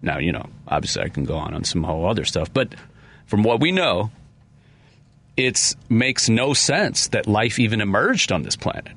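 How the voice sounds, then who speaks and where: A man's voice: on the low side, very animated, normal speed, vocal fry, a bit bright, husky, dry recording. A man hosting a talk radio show, talking casually in an easygoing way.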